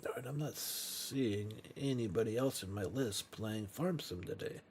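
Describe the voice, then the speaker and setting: A man's voice: on the low side, measured pace, a little hiss or hum. Laid-back man chatting on a game stream. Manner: relaxed, muttering to himself, laughs easily. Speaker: livestream host. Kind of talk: casual gameplay chat.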